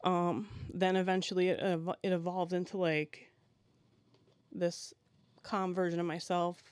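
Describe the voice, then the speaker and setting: A man guest on a podcast, telling a personal story haltingly and with emotion, full of fillers and restarts. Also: sits high, level tone, clean tone, no room sound.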